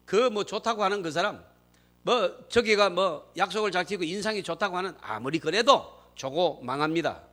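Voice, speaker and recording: A man delivers a church sermon as pastor. His voice is slightly high and very bright, with a cutting edge. He swings from soft, confiding asides to forceful, shouted exhortation. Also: lively intonation, normal speed. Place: church sanctuary.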